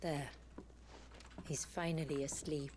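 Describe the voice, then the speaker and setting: Low-voiced, solemn female leader. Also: level tone, a little mellow, slight background noise. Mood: gentle, resolute. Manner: measured, formal, deliberate. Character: solemn, caring female leader of a secluded people. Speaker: video game character actress. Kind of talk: scripted game dialogue.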